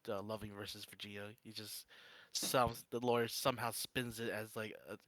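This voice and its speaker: A man chatting casually in a halting way, as if thinking aloud. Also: lowish voice, level tone, fairly bright tone, no room sound. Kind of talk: casual group chat. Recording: faint noise and clicks.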